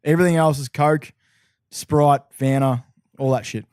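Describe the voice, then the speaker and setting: A man's voice: a little high, fairly even intonation, moderate pace, darkish tone, dry recording. Young Australian male co-host, casual, rambling, dry close sound. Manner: rambling, filler-heavy, laughing often. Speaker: podcast co-host. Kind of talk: casual chat.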